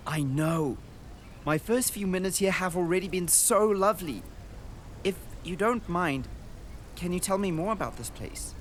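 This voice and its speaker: In a radio drama, a man voices an earnest, wonder-struck boy recording a journey for his sister, handling both narration and dialogue. His voice is high-pitched with lively intonation and a slightly slow pace, and he sounds friendly and eager. Noisy outdoor ambience sits behind him.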